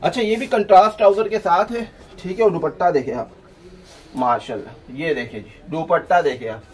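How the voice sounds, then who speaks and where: A man, a clothing shop owner giving an energetic, hard-selling pitch in his small shop. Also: moderate pace, breathy edge. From Pakistan. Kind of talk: sales pitch vlog.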